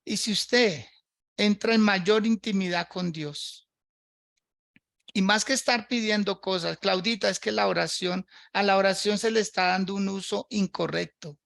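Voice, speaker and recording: Slow gravelly male pastor preaching. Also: sits high, a bit bright, no echo, studio quality. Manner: slow, earnest preaching with prayer. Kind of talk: sermon in dialogue.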